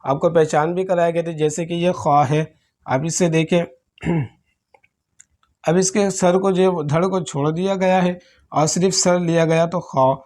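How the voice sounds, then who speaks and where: A man teaching Arabic letters for Quran reading, explaining patiently step by step and often clearing his throat. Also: fairly high pitch, steady tone, a little mellow. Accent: Pakistani Urdu. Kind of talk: slow classroom-style letter teaching.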